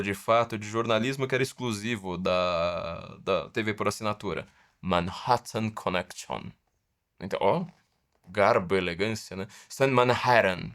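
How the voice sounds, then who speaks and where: A middle-aged Brazilian man with a Brazilian Portuguese accent hosts a casual podcast. His voice is on the low side and a bit bright, and he stretches words sarcastically and mockingly for emphasis.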